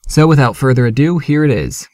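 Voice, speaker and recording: Lively, joking male YouTuber. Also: medium pitch, brisk. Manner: joking, animated delivery. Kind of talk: casual vlog talk.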